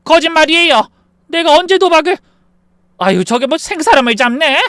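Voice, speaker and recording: A man's voice: on the high side, brisk, fairly bright tone, clear, resonant tone, no echo, clean studio sound, lightly acted. A man voicing a drunk, furious older woman who screams insults at her daughter-in-law. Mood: flustered lying. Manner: shrieking, slurring insults.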